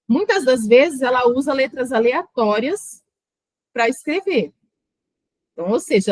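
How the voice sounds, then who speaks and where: This is an online exam-prep lecture by a woman whose voice sits fairly high. She takes her time explaining and pronounces words slowly in separate syllables. There's no room echo; the sound is dry and near.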